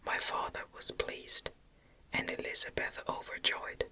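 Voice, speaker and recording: A woman whispers a novel close to the microphone as an ASMR audiobook narrator, her phrasing gentle and deliberate.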